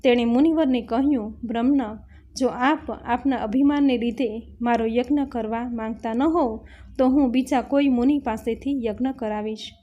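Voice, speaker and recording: A woman reading a devotional scripture story aloud in a measured narrating style, voicing the quoted lines of sages and kings. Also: fairly high pitch, dull audio.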